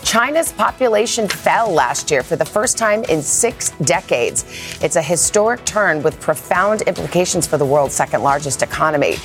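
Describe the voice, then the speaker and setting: A woman with a fairly low voice presents morning news as an anchor. She reads scripted headlines, with faint music behind her. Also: animated, moderate pace. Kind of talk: scripted headline reading with light banter.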